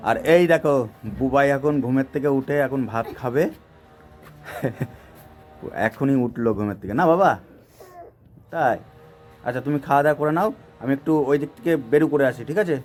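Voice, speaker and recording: Vlogger, male, hoarse from a cold; chatty, talks straight to the viewers. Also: mid-range voice, moderate pace, pauses often, soft background music. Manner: chatty, addresses viewers directly as friends. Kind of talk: casual vlog chat. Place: outdoors by a bonfire on a cold day.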